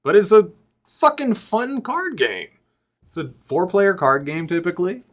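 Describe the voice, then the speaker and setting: A man's voice: high-pitched, big pitch swings, a little slow. A young man, a rapper and vlogger, telling a personal story in a casual, profane, rambling way that keeps cutting itself off. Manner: profane, rambling, self-interrupting.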